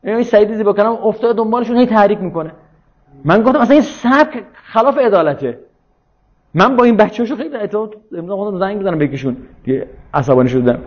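A man's voice: sits high, lively intonation, lo-fi sound. A man giving an informal, argumentative lecture who often asks his listeners whether they follow. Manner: argumentative, checks listeners follow with rhetorical questions. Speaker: speaker on religion and politics.

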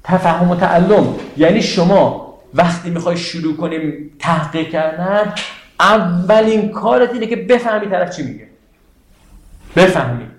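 Man, high-pitched, informal classroom lecture, conversational, echoey room. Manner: conversational, keeps checking listeners follow. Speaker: religious studies teacher.

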